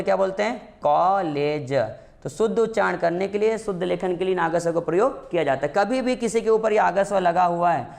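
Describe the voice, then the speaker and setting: A man's voice: sits high, vocal fry. A man teaching a grammar lesson for exam prep, calling his students "beta", asking them questions and answering them himself, and repeating the key points.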